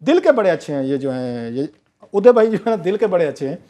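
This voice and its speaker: A man's voice: a little high, big pitch swings, fast, dark tone. A man, giving emphatic, story-driven commentary as a political analyst on a talk show.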